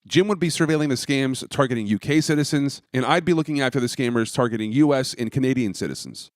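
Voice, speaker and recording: A man's voice: mid-range voice, lively intonation, fast, no echo, studio quality. A man hosting and narrating an investigative documentary in a scripted style.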